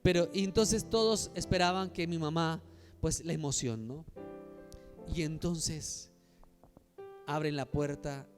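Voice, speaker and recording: A man's voice: on the high side, a little slow, pauses often, big-room sound, over music. A man from Colombia preaching a sermon as pastor, telling stories and building to emphatic calls to the congregation. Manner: storytelling, rising to emphatic exhortation.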